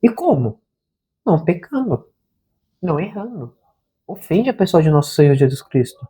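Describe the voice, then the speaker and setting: A man's voice: fairly high pitch, sing-song, normal speed, warm tone. Casual man talking slangily. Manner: informal and conversational, slangy, says "cara" often. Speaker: therapist and channel host. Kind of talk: casual spiritual talk to camera.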